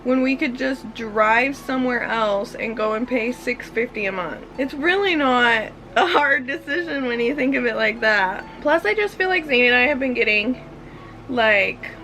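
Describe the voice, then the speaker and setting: A young American woman chatting casually to viewers inside a small trailer, upbeat and informal, thinking out loud. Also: a little high, expressive, moderate pace, a little hiss or hum, poor audio. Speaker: vlogger.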